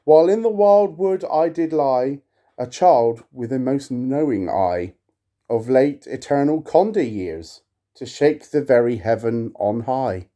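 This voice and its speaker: Hosting his own video, a man with a mellow mid-range voice reads poems theatrically and at a slow, dramatic pace. His chatty manner stays wry and playful, with a streak of self-mockery.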